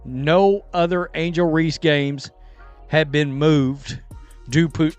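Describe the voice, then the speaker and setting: A man's voice: fairly high pitch, fairly even intonation, takes it slowly, darkish tone, lo-fi sound, faint music behind. A man giving casual commentary, hesitant and sarcastic, with repeated restarts. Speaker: online commentator.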